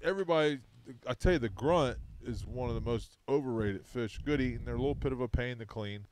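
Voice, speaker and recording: A man's voice: mid-range voice, a little fast, background noise. A man co-hosting a fishing radio show, sharing tips in casual, rambling chat with many restarts.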